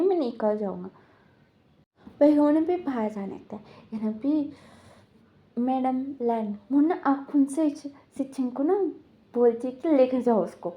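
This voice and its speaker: A woman casually retelling a fan fiction story, chatty and acting out the characters' lines as she goes. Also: muffled recording. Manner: chatty, acts out characters' lines with shifting pitch.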